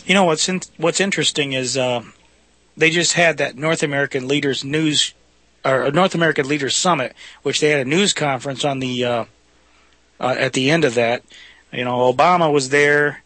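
A man's voice: mid-range voice, moderate pace, a bit bright, no room sound. A man hosting a talk show in a casual, folksy, discursive way.

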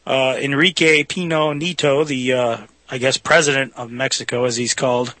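A man's voice: medium pitch, fairly even intonation, normal speed, bright, forceful tone, no room sound. A man hosting a talk show in a casual, folksy, discursive way.

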